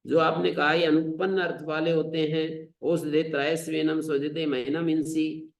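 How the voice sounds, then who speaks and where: An older man with an Indian Hindi accent teaching a scripture lesson, chanting Sanskrit verses, explaining them slowly and asking rhetorical questions. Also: fairly high pitch, little pitch movement. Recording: echoey room.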